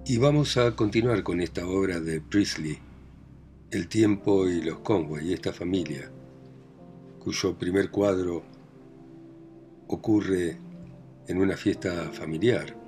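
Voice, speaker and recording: A man with a Rioplatense accent hosting a reading program, calmly narrating a play aloud. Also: deep voice. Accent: Rioplatense Spanish. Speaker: host and reader of a reading program.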